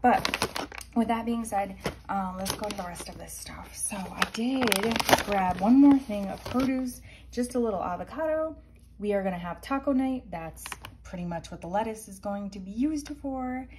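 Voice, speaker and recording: A woman's voice: medium pitch, moderate pace, darkish tone. A young woman chatting casually as she shows her groceries to a phone camera, rambling with lots of fillers and asides. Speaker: vegan grocery haul vlogger. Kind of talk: casual chat. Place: indoors at home. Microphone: handheld phone filming products. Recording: noticeable background noise.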